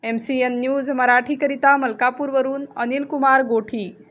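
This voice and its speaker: A woman with a high, light voice reads a local news report. Her delivery is steady and formal, in the clipped cadence of a regional news bulletin. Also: moderate pace, highs cut off. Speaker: news reader.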